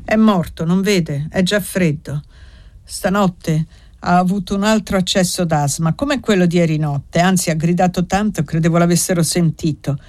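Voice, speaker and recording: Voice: medium pitch, normal speed, lightly acted. A reader voicing a young servant woman who speaks curtly and holds her nerves in check, in an audiobook reading. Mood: flat. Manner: calm, curt, held-back. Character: young foundling woman, servant, tense but controlled.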